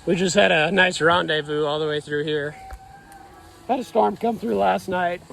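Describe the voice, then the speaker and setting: A hoarse man, a rancher filming his workday, talking in a laid-back, folksy, plainspoken way outdoors among cattle. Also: sits high, normal speed, a bit bright, faint music behind. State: hoarse from yelling. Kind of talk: casual vlog narration. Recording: outdoor noise with cattle and machinery.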